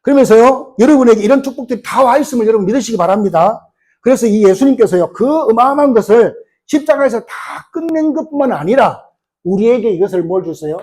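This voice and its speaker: A male pastor preaching a sermon in an animated way, firing rhetorical questions at the congregation. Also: very high-pitched, fast.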